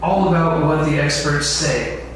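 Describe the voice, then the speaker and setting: In a large lecture room, a male instructor runs an info session, often posing questions to his class. He has a fairly high voice and a measured pace. The sound is very echoey, picked up by a distant microphone, with faint background noise.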